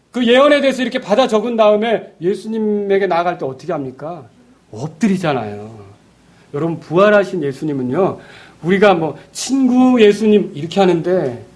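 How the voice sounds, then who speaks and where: A male pastor preaching a sermon. He keeps asking the congregation questions and swings between loud, emphatic lines and hushed ones. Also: sits high. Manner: peppers the congregation with rhetorical questions.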